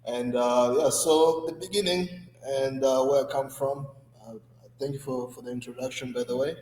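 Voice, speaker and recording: A man in his twenties from the Democratic Republic of Congo, a guest in an interview, telling his story in a relaxed way with many fillers. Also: medium pitch, moderate pace, reverberant, big-room sound, low-quality recording. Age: 20s. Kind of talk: conversational interview.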